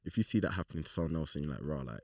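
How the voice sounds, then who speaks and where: A young man from talks in a loose, slangy way with an extremely low voice. He sits a little back from the microphone in a dry room. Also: lively intonation, rapid-fire, darkish tone, dry recording, far from the mic. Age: 20s. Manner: laid-back, slangy, acts out quoted remarks. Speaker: podcast guest. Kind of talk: casual group chat.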